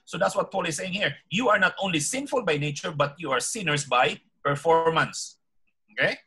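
Bright-voiced man teaching scripture. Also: a little high, animated, breathy edge, low-quality recording. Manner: asks the listeners questions, reads scripture slowly with emphasis. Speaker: preacher. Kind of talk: interactive Bible teaching.

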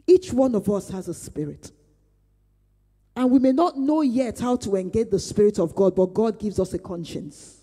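A woman's voice: mid-range voice, expressive, normal speed, dark tone, slightly rough. A woman pastor teaching a conversational Bible study. She speaks earnestly, repeats phrases for emphasis, and retells her own prayers aloud. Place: church hall. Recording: reverberant church hall.

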